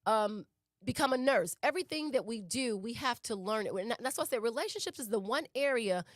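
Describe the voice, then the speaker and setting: A woman co-hosts a relationship podcast, teaching conversationally: she speaks emphatically, repeats her key points and poses rhetorical questions. Her voice is fairly high with lively intonation and a brisk pace, recorded in clean studio sound with no room noise.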